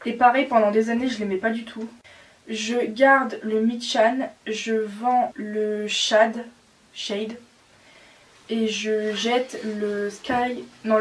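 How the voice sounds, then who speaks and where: A young woman around eighteen, chatting casually and hesitating often with fillers. Her voice sits a little high. She sounds a step back from the microphone. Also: a little hiss or hum. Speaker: doll collector channel host. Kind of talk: casual chat. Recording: distant from the mic.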